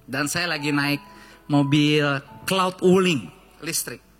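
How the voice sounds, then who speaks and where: A male pastor with a Jakarta Indonesian accent preaching a lively, joking sermon full of storytelling and acted-out quotes. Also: a little high, takes it slowly, faint music behind. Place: church stage.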